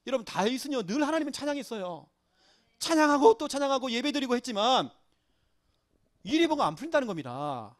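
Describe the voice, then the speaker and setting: Man preaching with lively, pleading voice. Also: extremely high pitch, fast talker, no echo, clean studio sound. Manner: emotional, pleading, rising to loud cries. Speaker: pastor. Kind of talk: sermon.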